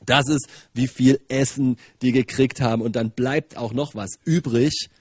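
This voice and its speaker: A man giving a lively, conversational sermon, full of rhetorical questions and casual asides. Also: medium pitch, a little slow, slightly rough, no echo, studio quality. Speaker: preacher.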